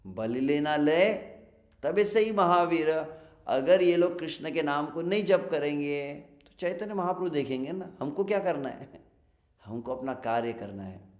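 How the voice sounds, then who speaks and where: A man's voice: fairly high pitch, moderate pace. Man preaching in an echoey room. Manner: animated storytelling, acts out warning villagers in raised voice. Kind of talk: devotional sermon with sung Bengali verses.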